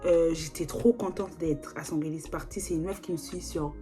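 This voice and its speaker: A woman's voice: deep voice, steady tone, moderate pace. Chatty young woman, faint music. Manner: chatty, slangy, full of fillers. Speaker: vlogger. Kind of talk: casual chat. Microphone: phone or video call.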